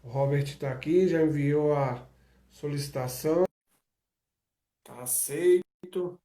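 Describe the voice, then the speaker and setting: A man's voice: on the high side, takes it slowly, mellow. A man hosting a live-stream interview, friendly and reading out lists, speaking over a video call. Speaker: interview host. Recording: echoey room.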